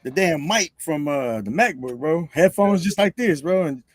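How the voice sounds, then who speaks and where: A man's voice: a little high, expressive, normal speed, no room sound, clean studio sound. A man hosting a podcast, chatting casually in a laid-back, slangy way, tossing in "bro" often. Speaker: podcast host. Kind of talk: casual chat.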